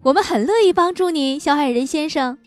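A woman voicing a bright, helpful young girl explorer in a children's storybook, eager and exclamatory. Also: sits high, fairly quick, faint music behind, voice pushed up, lightly acted. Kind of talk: storybook read-aloud for children.

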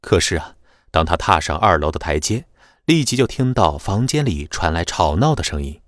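A man narrating a web novel audiobook in a lively, dramatic storytelling manner. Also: sits low, normal speed, no room sound, studio quality.

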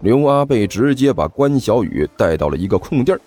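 A man narrating a serialized comic novel with lively voices. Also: medium pitch, fairly quick, husky, faint music behind. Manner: lively, voicing every figure. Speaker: audiobook narrator.

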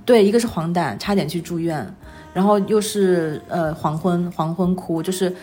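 A woman in her thirties chatting casually as an interview guest, telling personal stories in an animated, self-deprecating way. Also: on the low side, normal speed, soft background music. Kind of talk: casual conversational storytelling.

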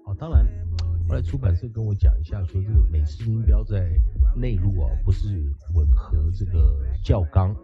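A man's voice: low voice, lively intonation, moderate pace. A man, raised in the United States, giving a chatty lecture on pronunciation as an English teacher. He keeps asking his listeners "right?" and mixes English words into his speech. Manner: chatty, asks rhetorical "right?", drops English words into the Chinese. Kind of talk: casual lecture. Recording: slightly dull recording with faint music.

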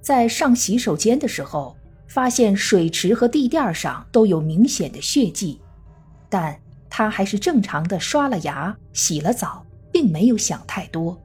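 A woman true crime narrator reading a scripted case story in a measured storytelling manner. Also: mid-range voice, big pitch swings, darkish tone, slightly rough. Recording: faint music under the voice. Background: faint background music.

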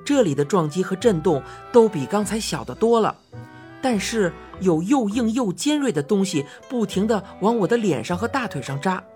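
In this audiobook of a children's fantasy tale, a woman narrates at an ordinary pace with faint music behind her. Her voice is mid-range and expressive, climbing to cries at the thrilling moments.

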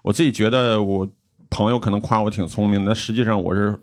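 Man, low pitch, young adult, podcast co-host, animated storytelling, casual chat. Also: fairly quick. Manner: animated storyteller, laughs often, acts out quoted dialogue.

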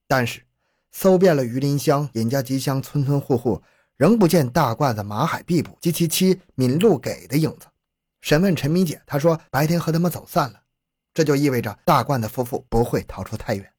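Male narrator for a true-crime audiobook, husky tone, mid pitch, dry close sound. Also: expressive, brisk, a little mellow, no room sound.

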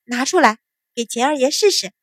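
A woman's voice: sits high, expressive, fairly quick, fairly bright tone, no room sound, studio quality, voice pushed up. A woman voicing a mischievous young maid who teases and pesters eagerly. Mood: teasing. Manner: teasing, eager.

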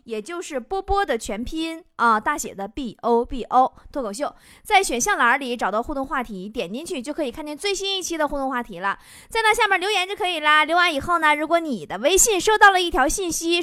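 A woman's voice: sits high, big pitch swings, quick pace, no echo, clean studio sound. A young woman, hosting a comic storytelling monologue in a brash, teasing way. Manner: brash, teasing, bursts into shouting. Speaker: talk show host. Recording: loud background noise.

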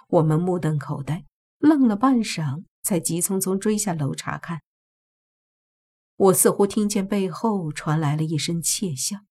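A woman giving a steady, scripted audiobook narration. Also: lowish voice, slightly rough.

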